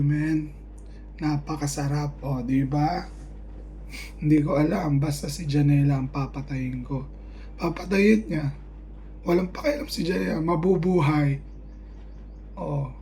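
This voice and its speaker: Rambling man, mellow voice. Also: a little high, slight background noise. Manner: loose, meandering, mixes English into Tagalog. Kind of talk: rambling casual monologue.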